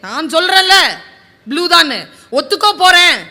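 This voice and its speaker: A woman's voice: very high-pitched, animated, normal speed, sharp tone, pitched above the performer's own voice, full character voice. A woman voicing a stubborn, boastful male donkey who insists he is right. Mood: cocky. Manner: cocky, insistent.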